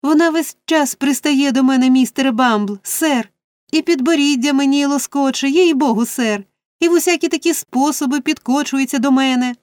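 A woman voicing a whining, cowardly teenage shop boy who complains and tattles in a high voice. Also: moderate pace, a little mellow, no room sound, lightly acted. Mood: tattling.

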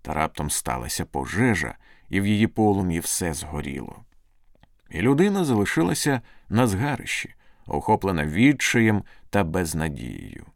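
Expressive low-voiced male storyteller. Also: normal speed, creaky, no echo, clean studio sound. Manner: expressive, dramatic reading. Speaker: narrator. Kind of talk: scripted storybook narration.

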